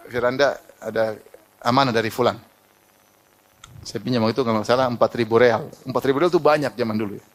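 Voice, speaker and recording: A middle-aged man preaching a sermon, telling personal anecdotes, quoting Arabic and laughing often. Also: mid-range voice. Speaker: Islamic preacher.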